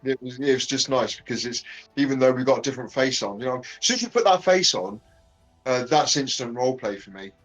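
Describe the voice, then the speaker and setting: A man chatting casually as a podcast guest, halting often with ums and restarts. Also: mid-range voice, animated, soft background music, poor audio. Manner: hesitant, many ums and restarts. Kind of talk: casual chat.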